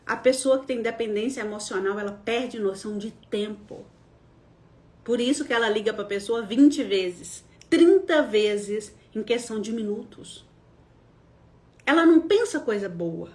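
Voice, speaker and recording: High-voiced Brazilian woman telling a story. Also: lively intonation, unhurried, darkish tone. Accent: Brazilian Portuguese. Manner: emotional storytelling, acting out quoted voices. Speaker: psychologist hosting a live stream. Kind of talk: personal story in a live talk.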